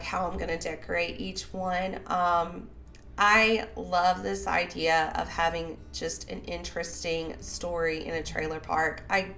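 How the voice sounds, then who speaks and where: A young Southern woman with a Southern American accent, sick and raspy-voiced, chatting loosely over a game build with lots of fillers. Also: lowish voice, fairly bright tone, slight background noise. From Southern United States. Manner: rambling, chatty, many fillers. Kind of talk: casual voice-over commentary.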